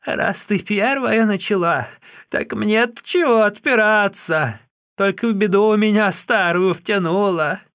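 A shrill, cracking old crone's voice, put on by a man, whining and scolding by turns. The voice sits very high and strained. Audiobook storytelling with a dry, close sound. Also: a little slow, fairly bright tone, clear, resonant tone, dry recording. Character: old scheming woman, shrill and defensive.

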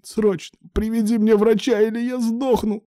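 A proud surgeon in agony in a storybook reading, his orders coming out hoarse and barked, as a male narrator acts him out. The strain pushes the voice far above the reader's low, dark natural tone. The recording is dry and close. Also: little pitch movement, normal speed, dry recording, close to an everyday voice. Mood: agonized.

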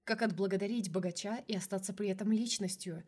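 A woman with a mid-range voice reads a first-person novel aloud as an audiobook. Her delivery is expressive and emotional, pulling the listener into the narrator's inner life. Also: medium pitch, quick pace.

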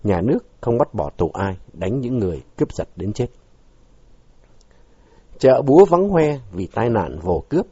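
A man reads a story aloud in an expressive, dramatic way, his pitch rising and falling a great deal. His voice is husky and dark. The recording is dull, dry and lo-fi. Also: normal speed, pauses often, no room sound. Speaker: narrator. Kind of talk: audiobook story reading.

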